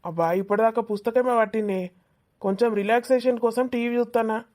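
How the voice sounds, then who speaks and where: A lazy, cheeky cartoon schoolboy, played by a woman whines and complains. The voice sits a little high. He sounds like a teen who wants to be left alone. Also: steady tone, brisk, darkish tone, lightly acted. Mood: whiny. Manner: whiny, complaining replies.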